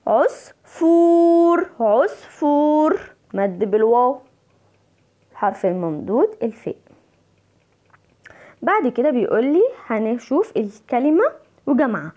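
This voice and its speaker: An Egyptian woman teaches a class of small children, drawing words out slowly and asking questions she then answers herself. Her voice sits fairly high and swoops lively, with a warm mellow tone. The recording sounds dull and lo-fi. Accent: Egyptian Arabic. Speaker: primary school Arabic teacher. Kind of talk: online lesson for young children.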